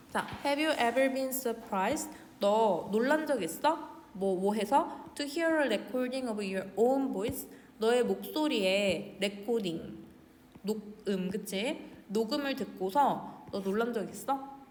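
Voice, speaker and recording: A woman teacher talking casually as she works through an English exam passage. She reads English phrases slowly, translates them, and asks questions that she then answers herself. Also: a little high, a little hiss or hum. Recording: roomy, reverberant with faint ambience.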